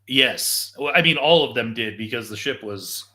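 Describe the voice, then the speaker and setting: A man's voice: medium pitch, lively intonation, normal speed, sharp tone. A man hosting a casual live show, enthusiastically walking viewers through video footage like a tour guide. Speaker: show host.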